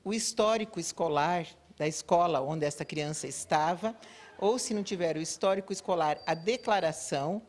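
Older woman official, lowish voice. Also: darkish tone. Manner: explanatory, methodical. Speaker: education official. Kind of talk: news interview answers. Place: indoor office. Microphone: reporter's handheld mic.

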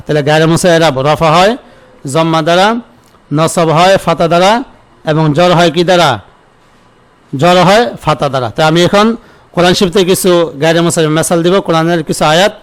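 A man with a Bangladeshi accent teaches a grammar lesson online, putting a question to the class and then answering it himself more quietly. His voice sits somewhat high and sounds smooth and clear. He reads example verses slowly and repeats them.

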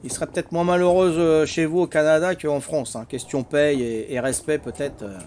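Older Corsican man, game streamer, teasing banter, slightly high voice, faint hum behind. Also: steady tone, moderate pace, darkish tone. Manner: teasing, chatty, peppers talk with "hein". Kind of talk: casual live-stream chat while gaming.

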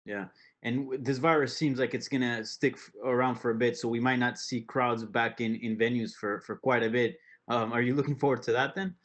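A man's voice: medium pitch, steady tone, brisk, a bit bright. A man asking casual interview questions as a sports reporter, feeling his way through his phrasing.

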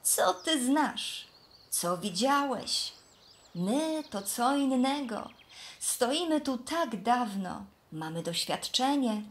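A woman's voice: fairly high pitch, very animated, slow, voice pushed up. A woman voicing a chorus of old wooden fence posts that taunt with a sing-song chant.

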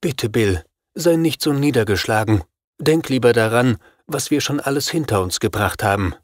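A man's voice: medium pitch, lively intonation, normal speed, dry recording, studio quality, close to an everyday voice. A man reading an audiobook, voicing a kind young woman who comforts a friend. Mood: reassuring. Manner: gentle, reassuring.

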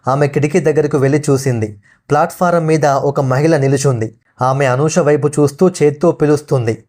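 A man narrating a scripted horror story in a steady, measured way. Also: medium pitch.

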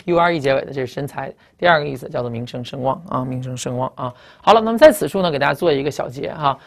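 A rapid-fire male teacher with a gravelly edge to his voice. He walks through vocabulary one word at a time, repeating key terms and spelling letters out. The lecture runs at a brisk clip. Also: mid-range voice. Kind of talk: recorded classroom lecture.

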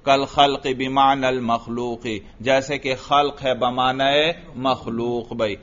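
A man's voice: medium pitch, little pitch movement, fairly bright tone. A male religious teacher with a Pakistani Urdu accent gives a grammar lecture, asking the class questions and answering them himself. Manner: recites Arabic text slowly, then explains it. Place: lecture room. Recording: dull lo-fi classroom recording.

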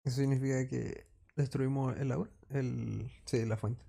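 A man talking through a video game as he plays, chatting to himself about what happens. His voice is mellow and mid-pitched, and his delivery is casual. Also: fairly even intonation, measured pace, vocal fry, husky. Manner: chatty, talks to himself while playing. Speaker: gaming channel host. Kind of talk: casual gameplay commentary.

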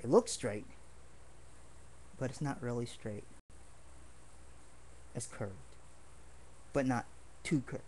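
A man's voice: medium pitch, slow, long pauses, darkish tone, a little hiss or hum. A man casually showing his swords in a home video, talking in an earnest, rambling way with many restarts. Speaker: martial arts hobbyist showing swords.

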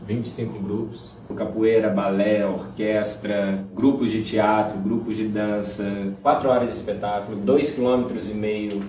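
A man's voice: fairly low pitch, level tone, measured pace, darkish tone, slight background noise. A man talking in an interview about a theatre event, listing things. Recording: roomy, distant.

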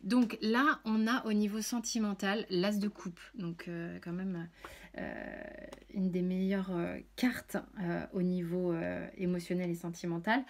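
A woman's voice: lowish voice, little pitch movement, measured pace, darkish tone, slight background noise. A woman doing a casual tarot reading, talking chattily with many fillers and restarts. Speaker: tarot reader.

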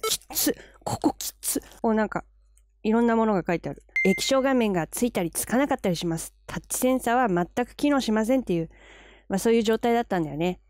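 A woman vlogging in a casual, chatty way, gushing and quick to laugh as she unboxes gear. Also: fairly high pitch, animated, a little mellow, slight background noise. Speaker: camera vlogger. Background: background music.

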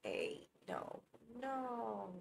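A woman's voice: fairly high pitch, wildly swooping pitch, drawn-out words, gravelly, slight background noise. A woman in her twenties with an Indian English accent, chatting casually with viewers on a live chess stream, reacting to chat and laughing often. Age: 20s.

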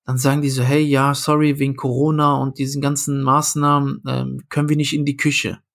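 A man's voice: mid-range voice, little pitch movement, a little fast, creaky, fairly bright tone. A young man, a comedian and food founder, telling a story casually in a podcast interview, acting out quoted dialogue with lots of fillers.

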